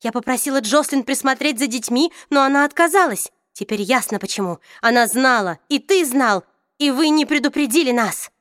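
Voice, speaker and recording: A woman's voice: high-pitched, animated, normal speed, fairly bright tone, no echo, studio quality, voice pushed up. A woman reading an audiobook, voicing a bitter, proud middle-aged woman who accuses and argues intensely. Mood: bitter, heated.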